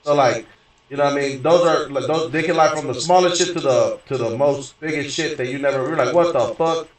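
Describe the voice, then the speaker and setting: A man's voice: mid-range voice, a little fast. A man streaming a game, ranting in a rambling, profane way, stumbling over restarts and repeating "you know what I mean". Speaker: gaming streamer. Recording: echoey room, voice far from mic.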